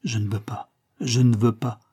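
A man's voice: medium pitch, steady tone, normal speed, close to an everyday voice. A man reading aloud and voicing an old husband who stammers and pleads in desperation. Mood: angry. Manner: stammering, pleading, rising to loud outbursts.

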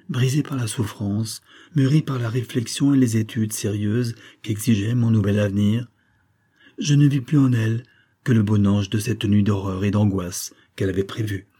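Husky, low-voiced male audiobook narrator. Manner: measured, expressive reading. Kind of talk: scripted literary narration.

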